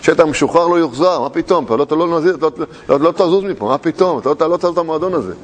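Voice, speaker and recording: A pushy, mocking dark force, as a preacher puts it on, talking like a gang boss who won't let a member walk away. The voice sits fairly high for a man and keeps pressing. It rings with a long hall reverb. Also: natural voice. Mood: taunting. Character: taunting evil force, gang-like, possessive.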